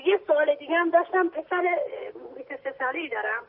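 A middle-aged woman from Kurdistan province, Iran, calls in to a radio show with a high voice. She speaks haltingly, with many fillers and restarts. Her voice comes through a tinny, narrow phone line. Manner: hesitant, halting, full of fillers. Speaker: caller.

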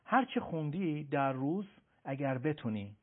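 A man's voice: fairly high pitch, sing-song. A man giving study advice on a radio show, lecturing emphatically and speaking directly to listeners. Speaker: education advisor. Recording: tinny phone-like sound.

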